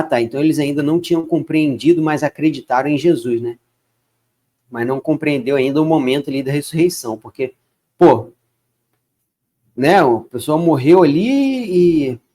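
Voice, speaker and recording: A man with a fairly high voice reads scripture aloud. He keeps stopping to add casual, conversational remarks before going back to the text. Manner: reads verses then comments in relaxed chatty asides. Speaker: bible reader. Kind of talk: casual bible reading with commentary.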